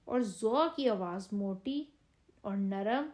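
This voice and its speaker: A woman teacher with a Pakistani Urdu accent, explaining letter sounds patiently in short phrases and stretching out slow model words. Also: mid-range voice, mellow. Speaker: Quran reading teacher. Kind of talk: step-by-step pronunciation lesson.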